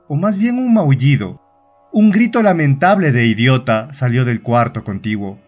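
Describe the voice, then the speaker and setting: A man with a Latin American Spanish accent reading a horror story aloud in a measured, dramatic way. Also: medium pitch. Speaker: narrator. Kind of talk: scripted horror audiobook narration.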